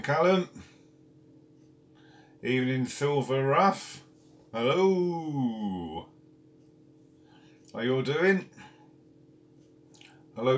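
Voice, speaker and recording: A man hosting a casual live stream from home, chatting and greeting viewers one by one by name. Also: medium pitch. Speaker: carp fishing channel host. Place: at home, indoors.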